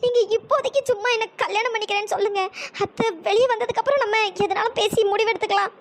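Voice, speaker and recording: A voice actor playing a frightened young woman in a cartoon drama, pleading in a pitch-raised voice. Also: steady tone, quick pace. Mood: fearful. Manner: fearful, pleading.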